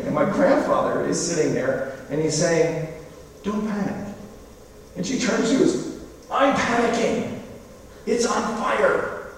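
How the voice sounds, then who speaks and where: A man giving a sermon in a conversational, storytelling way, with animated asides. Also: on the high side, a little hiss or hum. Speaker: preacher. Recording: echoey hall from far off.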